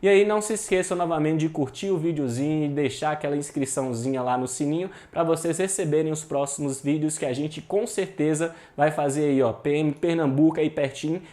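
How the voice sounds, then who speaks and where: Brazilian male teacher, slightly high voice, casual and forceful, exam-prep lecture. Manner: informal and emphatic, with slang and swearing; drills points by repeating them.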